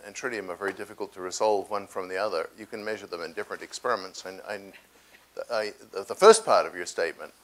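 An older man in a large lecture hall, answering audience questions on a lapel mic, halting with many restarts. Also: on the low side, fairly bright tone. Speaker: guest speaker taking audience questions.

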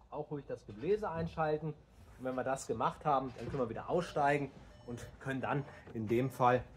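A man in his thirties talks viewers through a car task in a steady, explanatory way, speaking directly to them. His voice sits at an ordinary middle pitch. He was recorded outdoors in a home driveway, with faint ambient noise behind him. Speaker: DIY car channel host. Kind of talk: casual how-to explanation.

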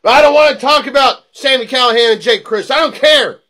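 A middle-aged man delivering a wrestling promo, a theatrical, taunting monologue that moves between low menace and loud intensity. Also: brisk. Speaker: pro wrestling personality cutting a promo. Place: small plain indoor room.

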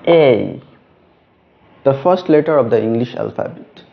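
A man teaching a lesson on letter names, speaking slowly and stressing each letter. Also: mid-range voice. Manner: slow, deliberate, stresses each letter name. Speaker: English teacher. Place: room with a whiteboard. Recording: dull lo-fi recording.

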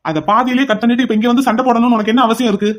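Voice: medium pitch, steady tone, rapid-fire, natural voice. A voice actor playing a stern older brother who scolds his sibling firmly. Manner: scolding, firm.

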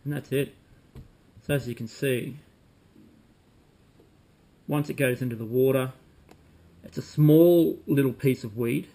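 A man, calmly demonstrating fly tying at a desk at home, talking while he works with frequent ums. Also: medium pitch, unhurried, pauses often. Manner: relaxed, talks while working, frequent ums. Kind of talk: casual demonstration. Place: home room with bookshelves, indoors.

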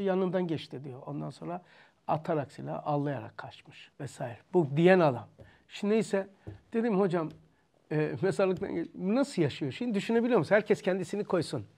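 A man with a Turkish accent teaching a religious lesson, emphatic and loud when preaching and softer when telling stories. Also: on the high side, creaky.

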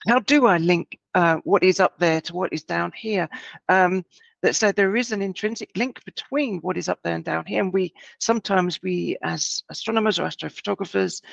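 A woman giving an astrophotography presentation with her gruff early-morning voice, talking in a halting way with many ums and restarts. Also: lowish voice, dry recording, dull audio. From United Kingdom. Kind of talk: online presentation talk.

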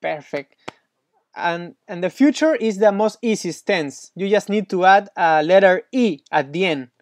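Guy teaching spanish one on one, slow and patient, lots of praise, dry close sound. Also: sits high, expressive, no echo. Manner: patient, encouraging, praises often. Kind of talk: one-on-one language tutoring.

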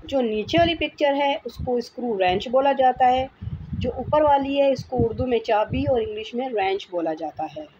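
A woman's voice: fairly high pitch, expressive, normal speed, dark tone, lo-fi sound. A woman giving a vocabulary lesson, patiently repeating each word as she explains it. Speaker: teacher. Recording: noisy home recording.

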